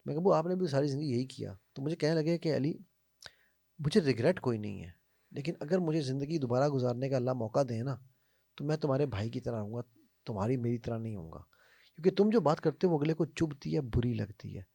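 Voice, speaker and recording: A man's voice: medium pitch, lively intonation, vocal fry, mellow, no room sound. A man giving an emphatic self-help talk on faith, often checking with "right?" and asking rhetorical questions, mixing English phrases into his speech. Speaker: motivational speaker.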